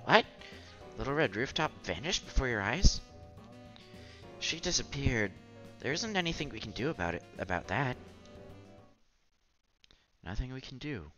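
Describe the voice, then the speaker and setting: A man's voice: medium pitch, sing-song, measured pace, long pauses, sharp tone. A man voicing an offhand, dismissive female editor-in-chief of a school club. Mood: nonchalant. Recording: slightly dull with music behind.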